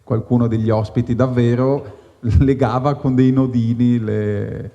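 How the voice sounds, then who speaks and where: Mellow-voiced man, self-deprecating guest author. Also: medium pitch, unhurried, big-room sound, dull audio. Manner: relaxed, self-deprecating, casually blunt. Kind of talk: casual live onstage conversation. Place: outdoor tent at an evening wine festival.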